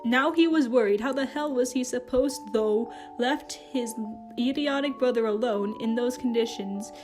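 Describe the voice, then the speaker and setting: A woman's voice: fairly high pitch, moderate pace, over music. A woman casually reading fan fiction aloud, with playful asides. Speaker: fanfic reader.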